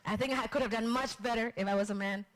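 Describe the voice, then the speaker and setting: A woman from Vietnam giving a live marketing class, chatty and lively, asking the room questions. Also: on the high side, fast talker, low-quality recording. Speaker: marketing instructor. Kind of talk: live class lecture to an audience. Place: lecture room with audience.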